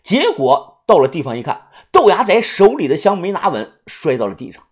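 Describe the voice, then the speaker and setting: A woman reading a novel aloud as an audiobook narrator, telling the story in an expressive way. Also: on the low side, moderate pace, husky.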